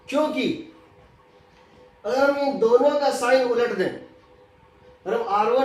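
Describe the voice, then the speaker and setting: A man teaching physics in a lecture, explaining step by step and repeating key points. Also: very high-pitched. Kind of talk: classroom lecture. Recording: very echoey room.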